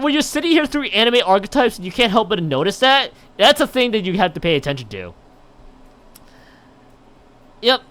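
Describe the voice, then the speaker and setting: A man with a high, slightly bright voice reads a visual novel aloud on a live game stream. He stumbles and repeats words as he goes, throwing in exasperated asides.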